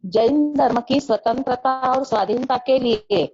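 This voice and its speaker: A woman's voice: high-pitched, unhurried, darkish tone, husky, highs cut off, faint music behind. A woman student asking a question in an online class, hesitant and repeating herself. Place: online video call class.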